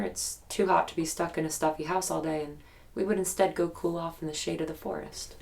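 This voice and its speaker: A guarded young woman in an investigative audio drama tells her story hesitantly and naturalistically, carrying a haunted memory in a documentary-style interview. Her voice is very low and heavy with fry, a little mellow, and her reflective storytelling is full of pauses.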